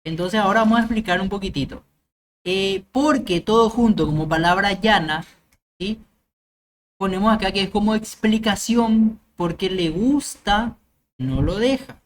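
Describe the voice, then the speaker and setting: A woman's voice: mid-range voice, moderate pace. A woman teacher, walking through grammar rules one by one with examples. She keeps stopping to ask whether the class follows. Faint noise sits under her voice. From Paraguay. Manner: explains step by step with examples, checks understanding. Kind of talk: grammar lecture.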